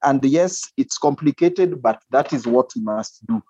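A man's voice: mid-range voice, lively intonation, a little slow, dark tone, husky, dry recording. A man with a Kenyan accent speaking as an interview guest, explaining his views emphatically and repeating phrases for stress. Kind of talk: spoken interview, explaining and opining. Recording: dull, muffled lo-fi audio.

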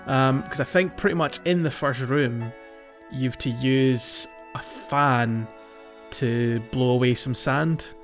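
Slowly and in a mid-range voice, a man hosting a podcast rambles hesitantly through a casual discussion of a video game, working out his thoughts as he talks. Background music runs beneath slightly dull audio.

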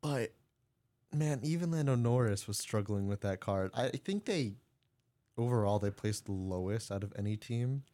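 A man's voice: fairly low pitch, lively intonation, moderate pace, mellow. A man co-hosting a casual sports podcast, joking and laughing as he rambles. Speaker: podcast co-host. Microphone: studio mic.

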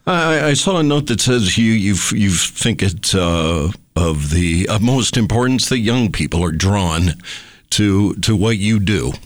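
A man hosting a casual radio interview in a studio, talking in a relaxed, friendly way with frequent hesitations. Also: fairly low pitch, unhurried, dry recording. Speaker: radio host.

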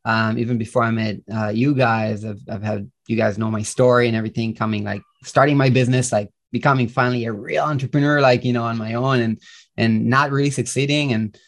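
A man's voice: medium pitch, steady tone, fairly quick. A man, co-hosting a podcast in loose, rambling casual chat full of fillers. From Israel. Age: 30s. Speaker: podcast co-host.

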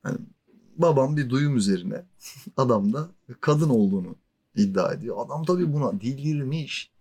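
A man's voice: medium pitch, expressive, moderate pace, a little mellow, slightly rough. A man in his forties spins a personal anecdote in an easy, chatty way. His voice sits in an ordinary middle range, and he keeps slipping in little chuckles and loose fillers. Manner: conversational, chuckles often, loose filler words. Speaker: podcast storyteller. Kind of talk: casual spoken storytelling.

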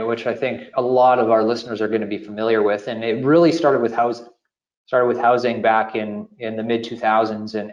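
A man co-hosting a finance podcast, laying out ideas at an even, explanatory pace. His voice sits in a roomy space and sounds a little dull and lo-fi. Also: medium pitch. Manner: steady explanatory, occasional repeated words. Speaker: podcast co-host. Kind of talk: casual finance podcast chat.

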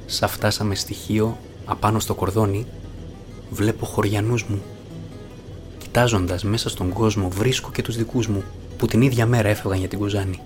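A man narrating an audiobook in a measured storytelling manner over faint guitar music. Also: lowish voice, fairly even intonation. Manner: measured storytelling, voicing characters. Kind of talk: scripted narration of a book.

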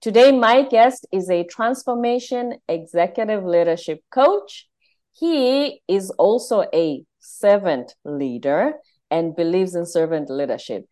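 A woman's voice: on the low side, warm tone. A woman presenting and interviewing as the host of a podcast.

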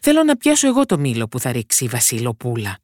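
A woman's voice: very deep voice, huge pitch swings, a little mellow, dry recording, clean studio sound, full character voice. A woman voicing a brave young prince in a fairy tale, speaking earnestly and confidently.

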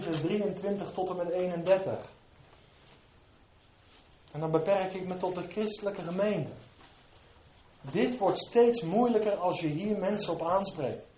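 A man preaching a sermon to his congregation, moving between quiet, low asides and loud, fervent emphasis. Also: echoey room, a little hiss or hum.

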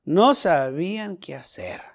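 Gravelly preacher man telling a testimony. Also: fairly high pitch, huge pitch swings, takes it slowly. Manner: storytelling, acts out dialogue in changing voices. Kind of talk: testimony sermon.

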